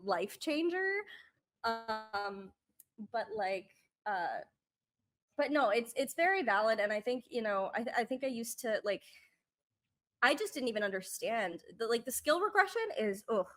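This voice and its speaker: Candid and earnest, this female podcast guest rambles, frequently starts over, and shifts abruptly in pitch and loudness. She sounds expressive and keeps a measured pace.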